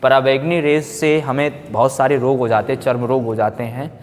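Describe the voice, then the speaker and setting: A man with a mid-range voice and flat delivery lectures on physics at normal speed for an exam class. He tends to repeat phrases, asks questions to check comprehension, and uses English technical terms, recorded in an echoey space with long reverb.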